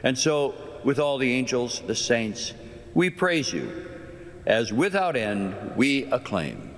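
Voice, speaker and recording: A man, a priest, reciting solemn Mass prayers in measured, formal phrases, his voice echoing through a large cathedral. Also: mid-range voice, very animated. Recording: long cathedral echo and reverb.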